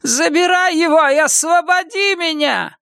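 A man voicing a monstrous, treacherous old witch with a high, shrill, strained voice in a dry recording. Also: animated, slow pace, dry recording. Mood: shrieking. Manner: hissing, then shrieking upward.

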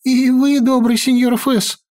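A woman voicing a jittery, cowardly male sorcerer who pleads and frets in a high, whining patter. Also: level tone, unhurried, dark tone. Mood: fearful pleading.

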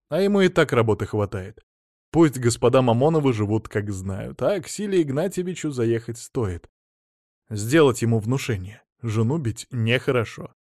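A man's voice: medium pitch, a little mellow, no room sound. Dry-voiced man narrating an audiobook. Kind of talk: audiobook narration with acted dialogue.

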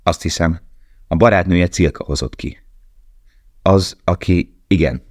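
A man's voice: sits low, no room sound, clean studio sound. A man reading the part of a cheerful, wry young male prisoner in a storybook.

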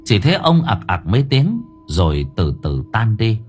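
A man narrating a horror story in an expressive, dramatic way. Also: fairly low pitch, moderate pace. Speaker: audiobook narrator. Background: faint music.

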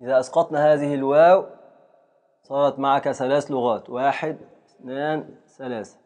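A man with an Egyptian accent, a sheikh giving a classroom lecture on grammar and patiently repeating each example slowly. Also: medium pitch, steady tone, a little mellow. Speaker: sheikh teaching a grammar text.

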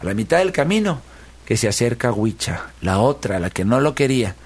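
A playful male storyteller spins a folk tale. He keeps it lively and builds a steady rhythm out of repeated phrases. His voice sits at an ordinary middle pitch. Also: moderate pace, husky.

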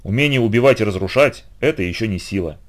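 A man voicing a wise, gentle old male centaur in an audiobook, speaking quietly and gravely. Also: lowish voice, expressive, fast talker, natural voice. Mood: grave sorrow.

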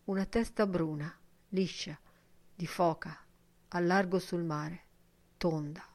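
A woman narrating a literary audiobook in a measured, expressive reading. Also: fairly low pitch. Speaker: audiobook reader.

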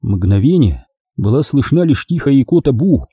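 A man narrating an audiobook in an even storytelling manner. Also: medium pitch, normal speed, breathy edge, dry recording, studio quality.

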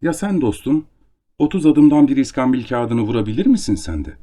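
A man voicing a gentle, anxious young countess with a lifted, pleading voice. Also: mid-range voice, big pitch swings, fairly quick, pitched above the performer's own voice, close to an everyday voice. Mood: curious.

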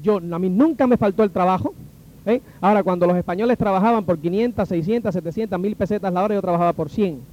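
High-voiced Cuban man telling a story. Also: quick pace, rough recording. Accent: Cuban Spanish. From Cuba. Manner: animated, acts out the dialogue of the people in his story. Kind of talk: personal storytelling talk.

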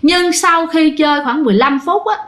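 A woman's voice: high-pitched, moderate pace, fairly bright tone. A woman with a Southern Vietnamese accent narrating ghost stories in a chatty way, talking straight to her listeners. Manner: chatty, addresses listeners directly. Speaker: storyteller.

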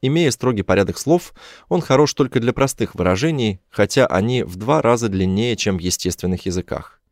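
A man reading an adventure novel aloud as a first-person audiobook narrator, measured and even. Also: fairly low pitch, dry recording, studio quality.

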